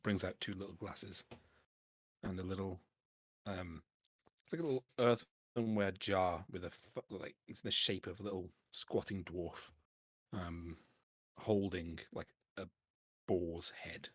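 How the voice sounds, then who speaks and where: A man's voice: sits low, fairly even intonation, a little slow, long pauses, a bit bright, husky, no room sound. A man narrating a tabletop game as game master, hesitant with many fillers.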